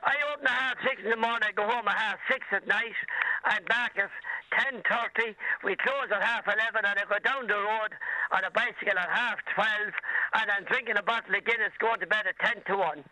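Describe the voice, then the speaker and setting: A man's voice: sits high, steady tone, brisk, pushed and bright, no echo, poor audio. An Irish man in his seventies, jokey and exclamatory, chatting exuberantly on a radio phone-in. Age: 70s. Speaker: phone-in guest, shopkeeper.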